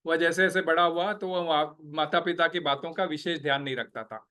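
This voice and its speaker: A man's voice: on the high side, a little fast, pushed and bright. A man giving a devotional class and telling a temple story in a conversational way, mixing in English phrases and asking his listeners questions. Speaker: devotional speaker.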